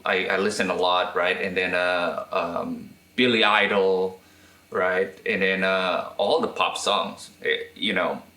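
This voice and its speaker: A man from Indonesia with an Indonesian accent, chatting as an interview guest, with halting restarts and tag questions. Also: sits low, fairly even intonation, sharp tone, roomy sound. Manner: halting, frequent "right?" tags and restarts. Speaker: guest guitarist and electronics restorer. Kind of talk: casual interview chat.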